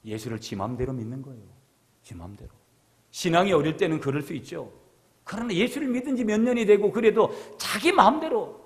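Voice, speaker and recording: A male pastor preaches in a church sanctuary, his high voice rising and plunging all over the place. He jumps from loud urgent outbursts to quiet low asides, repeating lines and firing off rhetorical questions, all carried on a long reverb that hangs in the hall. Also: animated, fairly quick. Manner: repeats key phrases for emphasis, asks rhetorical questions. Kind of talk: sermon.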